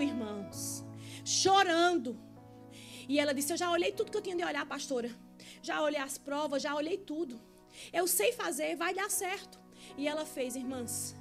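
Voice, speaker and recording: A woman pastor preaching a dramatic sermon in a church, telling a story and building to passionate shouts. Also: sits high.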